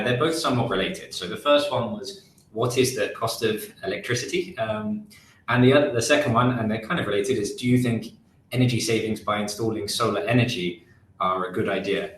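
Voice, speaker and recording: Brief: male moderator, lowish voice, measured delivery, echoey call sound with faint hum. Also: a bit bright. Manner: measured, reads audience questions. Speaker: webinar moderator. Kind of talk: moderating webinar Q&A. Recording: roomy video-call audio with faint hum.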